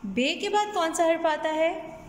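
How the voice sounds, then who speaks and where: A woman's voice: very high voice, measured pace, long reverb tail, a little hiss or hum. A woman teacher, patiently teaching young children, often asking the class questions and checking they follow.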